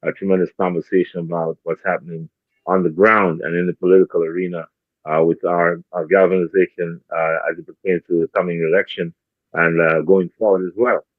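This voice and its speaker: A man with a very deep voice hosts a community radio show, pressing his points with "not true?" questions. His voice comes through a dry, narrow, phone-like line. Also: flat delivery, fairly quick, no room sound. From Jamaica. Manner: warm, rhetorical, repeats tag questions. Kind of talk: casual radio talk.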